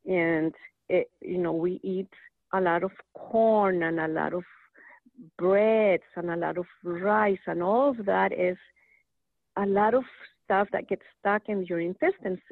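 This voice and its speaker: Speaking a little slowly in a fairly low voice, a Costa Rican woman appears as a guest in a relaxed conversation, animated and sincere, often starting her sentences over. The recording is a dry, tinny phone line without echo.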